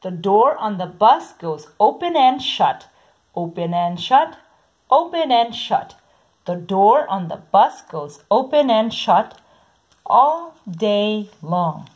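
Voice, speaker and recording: Slow, husky woman reading a picture book. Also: medium pitch, sing-song, lo-fi sound. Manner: slow, sing-song read-aloud with soft repeated sounds. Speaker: storybook reader.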